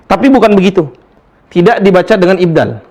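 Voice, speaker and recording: A man teaching a casual recitation lesson, explaining rules and then chanting verses slowly and drawn out. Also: high voice, animated, darkish tone.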